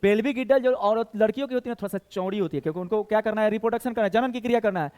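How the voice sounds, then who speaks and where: A man's voice: high voice, racing, a little mellow, clear, resonant tone. A male coaching teacher with a Bhojpuri-tinged Hindi accent, lecturing for competitive exams and counting bones aloud while quizzing the class. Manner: counts bones aloud, asks and answers his own questions.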